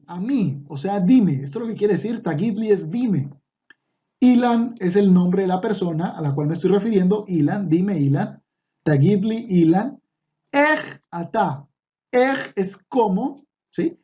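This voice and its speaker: A man's voice: high-pitched, mellow, muffled recording. A man teaching an online Hebrew lesson, patiently repeating words with fillers and restarts.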